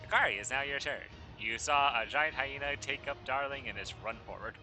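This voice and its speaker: A man's voice: medium pitch, fairly quick, sharp tone. A man acting as game master, calling out hits and turns in an easygoing way with a chuckle here and there. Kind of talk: running a tabletop game. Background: background music.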